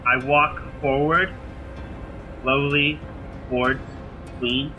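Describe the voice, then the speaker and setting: A man playing a tabletop game, describing his character's actions slowly and dramatically. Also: medium pitch, steady tone, highs cut off, soft background music. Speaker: player. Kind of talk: tabletop role-play.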